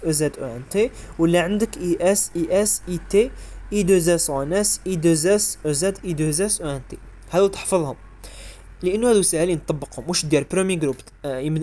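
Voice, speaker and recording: A man's voice: on the high side, dark tone. A man with an Algerian Arabic accent explaining French grammar as an exam revision lesson, spelling out verb endings letter by letter. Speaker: French teacher.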